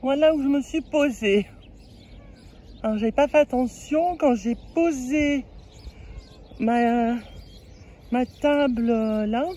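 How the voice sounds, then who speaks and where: A woman's voice: sits high, slow, pauses often, warm tone. A French woman chatting casually on her road-trip vlog, outdoors at a camper stop, fondly talking to her cat between remarks. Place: outdoors at a camper van area.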